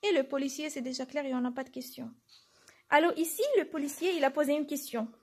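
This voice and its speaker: High-voiced woman teaching a lesson. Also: quick pace. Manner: explains step by step, asks and answers questions herself. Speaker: French teacher. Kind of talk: classroom lesson.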